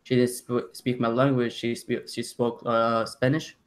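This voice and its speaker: Teen guy from syria, arabic first language, monotone, lots of "like" and restarts. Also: medium pitch. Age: teens. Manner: halting, many "like" fillers, self-corrections. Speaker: student panelist. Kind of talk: telling his story on a panel.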